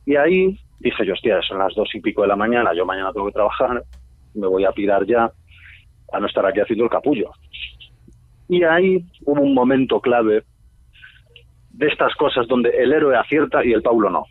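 A man's voice: mid-range voice, animated, brisk, long pauses, slightly rough, dry recording. A man with a Spanish accent from Spain telling a casual, slangy anecdote on a radio show, acting out his own past remarks. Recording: tinny phone-like sound, dry.

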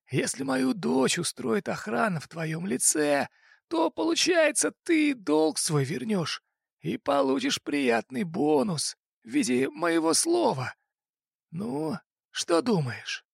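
A man voicing a fat, older male crime boss who bullies and shouts. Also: extremely high pitch, big pitch swings, slow pace, gravelly, husky, no room sound, studio quality, voice pushed up, exaggerated voice. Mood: scheming. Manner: mocking, barking.

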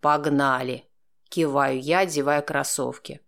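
A man narrating a first-person audiobook in a steady, dry, sardonic tone. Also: a little high, moderate pace.

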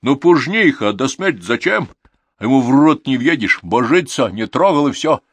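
A man's voice: medium pitch, expressive, moderate pace, breathy edge, no room sound, pitched above the performer's own voice. A man voicing a sly, worldly-wise old peasant who lectures in folksy rural dialect. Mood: grumbling.

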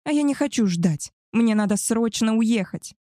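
A woman's voice: on the high side, expressive, moderate pace, mellow, no room sound, clean studio sound, voice pushed up, natural voice. A woman voicing an arrogant, spoiled young she-wolf woman who talks down to others in a haughty, contemptuous way. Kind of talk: audiobook character voice.

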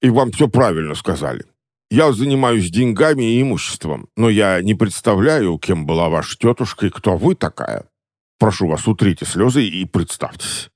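A man's voice: fairly low pitch, lively intonation, normal speed, a little mellow, dry recording, studio quality, voice pushed up. A man voicing a fat, irritable middle-aged bank clerk who answers curtly and suspiciously.

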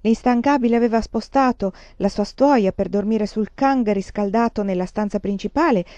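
A woman reading a novel aloud in a calm, measured storytelling manner. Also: medium pitch, no echo. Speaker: audiobook reader.

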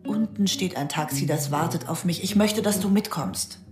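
A woman acting out a middle-aged mother braced for terrible news, her voice deep and low. She talks in a hushed, half-whispered, tense manner, with loud music swelling underneath in this radio drama. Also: normal speed, lightly acted. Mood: pleading. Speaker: lead character and inner narrator.

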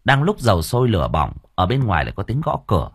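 A man's voice: on the low side, wildly swooping pitch, fast talker, slightly rough, dry recording. A man narrating a comic story as an audiobook reader, close to the mic.

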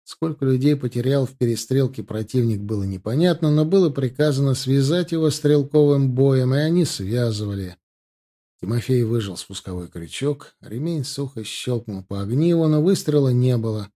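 A man narrating a historical war novel in a steady storytelling manner. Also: medium pitch, moderate pace. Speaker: audiobook narrator. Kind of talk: scripted narration.

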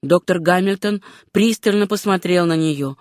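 A woman narrating a novel as an audiobook, reading in a measured, unhurried way. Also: lowish voice, a little mellow, no room sound, clean studio sound.

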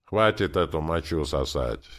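A man voicing a boisterous, hard-drinking old village carpenter who talks in a loud, bossy, folksy way. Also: very deep voice, animated, unhurried.

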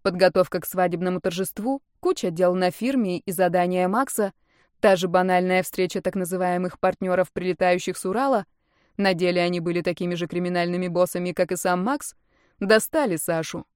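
A woman narrating a novel in a steady, even reading voice, close to the mic. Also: lowish voice, a little fast, clear, resonant tone, no echo. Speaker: audiobook narrator. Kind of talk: scripted narration.

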